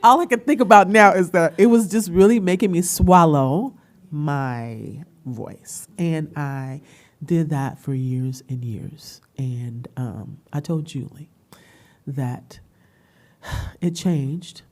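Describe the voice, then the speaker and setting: A middle-aged woman speaking at a community panel, telling a personal story with animated emotion and frequent laughter. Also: sits low, takes it slowly. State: tearful at times. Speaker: panel speaker and business owner.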